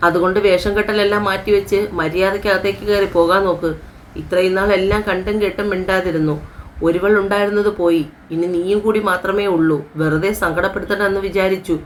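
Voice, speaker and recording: A woman's voice: mid-range voice, slight background noise, lightly acted. A woman voicing a stern, angry middle-aged father who scolds his daughter in a story. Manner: harsh scolding.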